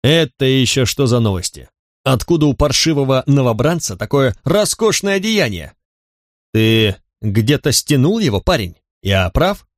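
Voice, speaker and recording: A man's voice: mid-range voice, very animated, normal speed, dry recording, clean studio sound, lightly acted. A man voicing a brutal, scornful Roman centurion. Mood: bullying. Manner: barking, contemptuous. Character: brutal scornful male centurion drill instructor.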